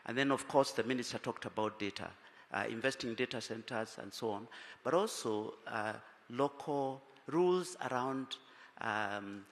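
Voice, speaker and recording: A man's voice: mid-range voice, moderate pace. A man speaking as a panelist, businesslike, with many fillers and restarts. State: tired from little sleep. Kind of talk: panel discussion answer. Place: conference hall. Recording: reverberant conference hall.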